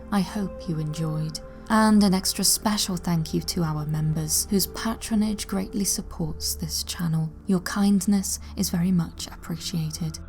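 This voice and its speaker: A woman telling ghost stories in a measured, formal fireside storytelling manner, as scripted narration. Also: lowish voice, a little mellow. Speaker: storyteller and channel host. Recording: music behind the voice. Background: background music.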